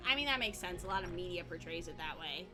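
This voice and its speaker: A young woman co-hosting a gaming stream, chatting casually and throwing in quick reactions. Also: fairly low pitch, expressive. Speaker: streamer co-host. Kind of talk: casual chat over a gameplay stream. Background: game music.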